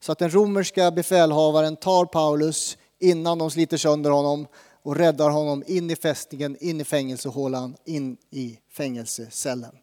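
A man's voice: fairly high pitch, steady tone, dark tone, big-room sound. A man preaching a sermon in a conversational way, asking the congregation questions. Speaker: pastor.

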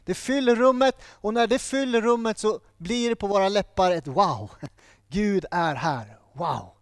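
Guy preaching a sermon, pretty high voice, dry close sound, keeps repeating short lines for punch. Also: lively intonation, dry recording. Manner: emphatic, stacks repeated short phrases.

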